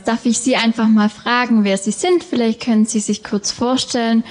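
A woman's voice: on the high side, fairly even intonation, moderate pace. A woman in her twenties, a student, politely asking interview questions with some hesitation. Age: 20s.

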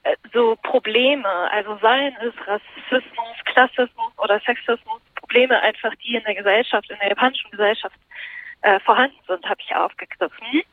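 A woman journalist answers interview questions over a tinny phone line, her voice pitched somewhat high. She talks in a casual, thoughtful way and often pauses to search for the right words. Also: dry recording. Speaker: journalist and columnist, interview guest.

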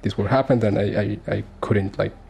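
A man's voice: fairly low pitch, steady tone, normal speed, creaky, darkish tone, slight background noise. A man in his thirties from Sudan, speaking as a guest on a community radio interview, earnest and hesitant with many fillers and restarts. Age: 30s.

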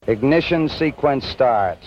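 A man doing launch countdown commentary over a crackly old space radio transmission, announcing each number in a measured way. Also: medium pitch, lively intonation. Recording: noisy lo-fi archival broadcast from afar.

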